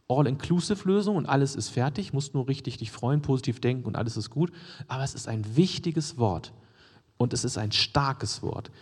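A man's voice: medium pitch, warm tone, husky. A man preaching a sermon in a conversational way, often checking in with his listeners and sometimes dropping to a near whisper for emphasis. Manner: conversational, asks the audience questions, frequent "ne?" and "ja?". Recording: long hall reverb.

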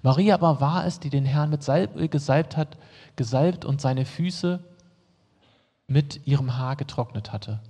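A man's voice: fairly high pitch, measured pace, warm tone, long reverb tail. A man preaching a sermon, reading scripture aloud and breaking off to explain it in casual, plain words to his congregation. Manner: reads the text, then adds casual plain-spoken asides to the congregation.

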